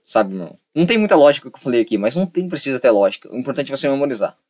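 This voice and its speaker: A man's voice: medium pitch, very animated, rapid-fire, darkish tone. A young man giving a casual, repetitive lesson and acting out little dialogues to make a point. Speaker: online tutor.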